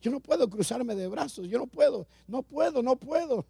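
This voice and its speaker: A man's voice: very high-pitched, expressive, normal speed, vocal fry, warm tone, slightly rough, no echo. Male pastor, sermon delivery with repeated emphatic phrases; dry, close recording. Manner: preaching with repetition and rising emphasis.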